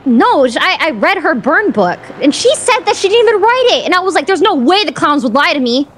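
A woman's voice: extremely high pitch, big pitch swings, fairly bright tone, a little hiss or hum, heavily acted. A woman voicing an eager, naive, mischievous friend in improvised game role-play, gushing and hesitating as she chats. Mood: flustered, gossipy. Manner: chatty, gushing, halting, hesitant asides.

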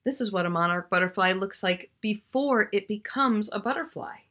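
A middle-aged woman sits in a small, furnished room at home, expressively reading a picture book to young kids, lingering on key words and addressing the listener. Her pitch is medium, her pace moderate, and her tone a bit bright.

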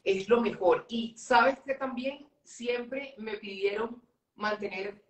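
A middle-aged man with a Colombian Spanish accent appears as a guest presenter on a live video call, chatting easily and laughing often in a casual interview. His voice is high-pitched, slow and a bit bright, sounding far from the webcam mic. He's in a home office with cabinets, and the recording has a roomy sound.

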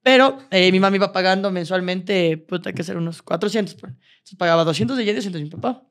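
A woman, co-hosting a podcast and telling personal stories in a lively, laughing, swear-sprinkled way. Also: lowish voice, fast talker. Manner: lively, laughs often, swears casually, many restarts. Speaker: podcast co-host. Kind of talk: casual storytelling chat.

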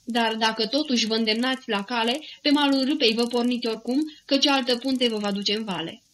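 A woman's voice: on the high side, fairly bright tone, slight background noise, close to an everyday voice. A woman voicing a cunning male devil chieftain who gives directions in a matter-of-fact, commanding way, in an audiobook verse reading. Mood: directing.

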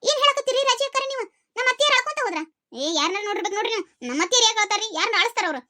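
A fretful young daughter-in-law from a village comedy skit, acted by a woman, speaking with a North Karnataka accent. Her voice is very high and bright. She rattles on fast in anxious chatter. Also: expressive, full character voice. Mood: alarmed. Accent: North Karnataka Kannada.

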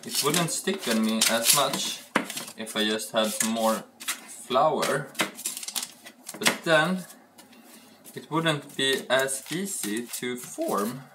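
In an echoey home kitchen, a young cooking vlogger chats casually while baking bread, humming, thinking aloud, and rambling in a playful way. His mid-range voice is animated and unhurried with frequent pauses, heard from far off via a camera across the room amid heavy background noise.

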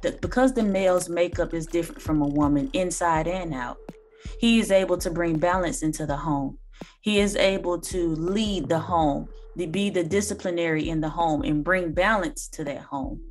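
A woman's voice: on the low side, moderate pace, a little hiss or hum. Earnest woman lecturing on gender roles. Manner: earnest, lecturing, with filler ums. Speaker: reaction channel host. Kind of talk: commentary on a reacted video. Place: small room indoors.

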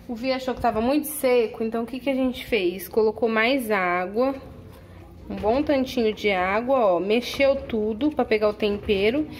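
A woman's voice: on the high side, normal speed, a little hiss or hum. A young woman from Brazil hosting a casual home cooking vlog, chatting to viewers and cheering on her partner as he cooks. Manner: chatty, addresses viewers directly, praises and prompts her partner. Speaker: channel host filming her husband cooking. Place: home kitchen.

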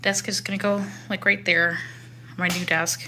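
A woman's voice: flat delivery, moderate pace, pushed and bright. A woman in a casual, rambling home tour, filmed handheld in a new house, tired after moving. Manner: chatty, rambling, coos at her pets in a high baby voice. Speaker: vlogger giving a home tour. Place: inside a newly moved-into house. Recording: noisy home recording.

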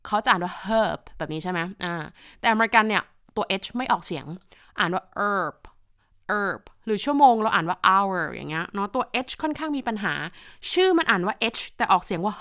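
A woman English teacher giving a radio phonics lesson, lively and repeating letter sounds for children. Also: medium pitch, clean tone. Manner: lively, drills letter sounds with repetition and laughs. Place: radio studio.

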